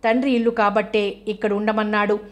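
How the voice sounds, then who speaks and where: A fierce older woman lashes out with harsh accusations in an audio novel, read by a woman narrator. The delivery stays flat and level, without much rise or fall. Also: mid-range voice, fairly quick, lightly acted. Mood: bitter.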